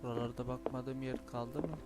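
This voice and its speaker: A man's voice: mid-range voice, fairly even intonation, brisk. A man casually commenting on a video game as he plays, musing and talking to himself. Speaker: gamer. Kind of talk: let's play commentary. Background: loud game music.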